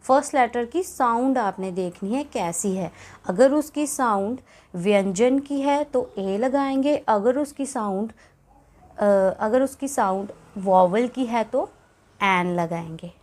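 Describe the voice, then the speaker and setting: A woman's voice: fairly high pitch, slow, darkish tone. A woman with an Indian English accent teaching a grammar lesson, explaining patiently and repeating points as she switches between Hindi and English.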